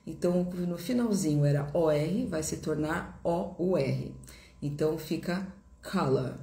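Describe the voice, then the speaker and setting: A woman teaches a live online lesson in a low, mellow voice. She explains patiently, repeating each example slowly. The room gives her voice a noticeable echo. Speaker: English teacher.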